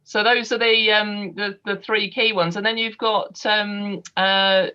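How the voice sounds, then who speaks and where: A woman's voice: medium pitch, fairly even intonation, unhurried, bright, forceful tone. Lady hosting over a video call, chatty, lots of ums, muffled lo-fi sound. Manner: chatty, asks questions with many fillers. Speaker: host. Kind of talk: live online show interview.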